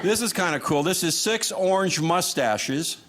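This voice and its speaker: A man's voice: high voice, animated, measured pace, a bit bright. A man doing live stand-up comedy with a dry, sarcastic lilt, talking to his audience. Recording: noisy live comedy show recording. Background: audience laughter and noise.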